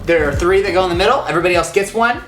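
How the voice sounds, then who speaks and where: A game host talks through rules in a casual, explanatory way. The voice sits at a middle pitch, and the room around it echoes noticeably. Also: racing, fairly bright tone, soft background music. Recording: roomy, echoey room sound.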